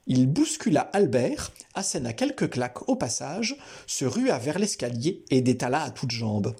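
A man reading a novel aloud with expressive storytelling. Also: medium pitch, normal speed, slightly rough. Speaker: reader.

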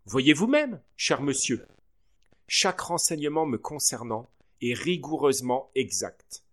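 Man putting on a pompous school director, booming, proud, storybook. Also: expressive, measured pace, fairly bright tone.

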